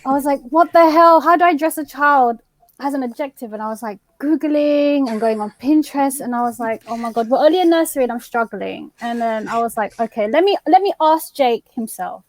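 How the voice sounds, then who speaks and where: A young woman co-hosting a casual chat, telling anecdotes with lively acted-out dialogue. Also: sits high, fairly quick, no room sound. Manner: animated storyteller, acts out quoted dialogue. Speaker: podcast co-host.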